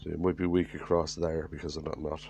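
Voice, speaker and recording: Workshop noise sits behind a quick, rumbling low voice with little pitch movement. It belongs to an Irish man with a head cold, who narrates his woodturning work in a plain-spoken, matter-of-fact way.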